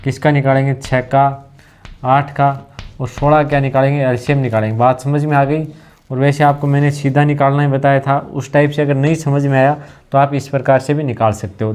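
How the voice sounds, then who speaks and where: A man's voice: mid-range voice, darkish tone, smooth. A man teaching a maths class for a recruitment exam, walking through each step with questions to the students and checking again and again that they follow. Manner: repetitive, asks the class if they understood; slows down when dictating terms. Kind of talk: exam-prep maths lesson.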